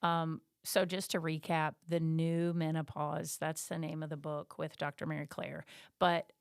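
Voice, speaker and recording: A woman's voice: low-pitched, level tone, unhurried, gravelly, clear, resonant tone, dry recording, studio quality. A middle-aged woman co-hosting a podcast, talking in a chatty, emphatic way. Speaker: podcast co-host. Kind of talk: casual podcast chat.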